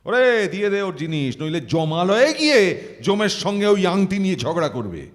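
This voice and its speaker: A man's voice: sits high, big pitch swings, a little fast. A man playing a pompous self-righteous judge. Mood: scornful, curious. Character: pompous moralizing middle-aged male judge. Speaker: actor in a live audio play. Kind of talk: live stage audio-play acting. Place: auditorium stage. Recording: live hall with long reverb.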